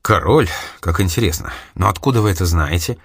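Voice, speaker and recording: A man reading an audiobook, voicing a lively, teasing young woman who sells food on the street. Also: medium pitch, normal speed, dry recording, studio quality, natural voice. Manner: chatty, teasing, curious.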